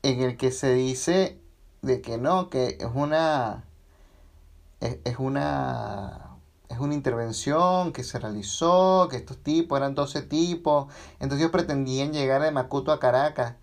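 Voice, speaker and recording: Venezuelan guy doing a chill solo podcast, sarcastic, rambles and restarts a lot, mid pitch. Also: a little slow, creaky. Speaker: podcast host. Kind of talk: casual solo podcast monologue.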